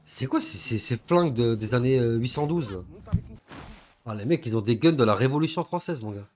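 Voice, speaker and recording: A young man from southern France giving casual, slangy reaction commentary with excitable, laughing asides. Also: medium pitch, brisk. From southern France, Gard area. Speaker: reaction video host.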